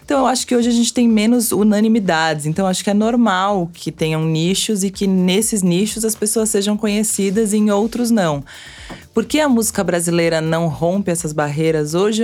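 A woman's voice: on the low side, a little mellow. A woman chatting casually as an interview guest, a radio presenter with an informal, self-deprecating manner. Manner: informal, self-deprecating, uses playful mimicked quotes. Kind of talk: casual chat.

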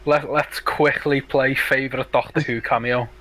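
A Liverpool man with a strong Scouse accent co-hosts a podcast, chatting casually and telling sweary, animated anecdotes. His voice is mid-range and his pace moderate.

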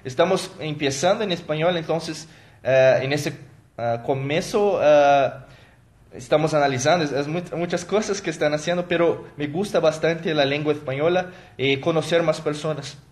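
Thanking his viewers one by one by name, this man runs a live stream as a motivational coach. Portuguese is his first language, and his on-the-high-side voice stumbles along with frequent fillers and restarts.

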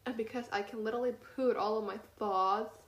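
A woman's voice: a little high, steady tone, brisk. Chatty teenage girl podcasting, echoey room. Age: teens. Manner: chatty, rambling, many fillers and "you know". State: talking through a sore cut cheek from braces. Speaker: podcast host. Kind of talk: casual solo podcast monologue.

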